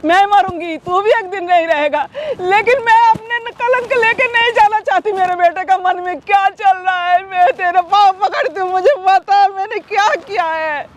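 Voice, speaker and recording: A woman plays a middle-aged mother begging her son for an answer, her voice very high and close to tears. The scene is a street drama shot outdoors, with faint traffic noise behind her. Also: normal speed, few pauses. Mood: pleading. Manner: tearful, begging, breaking voice. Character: pleading stepmother of a grown son.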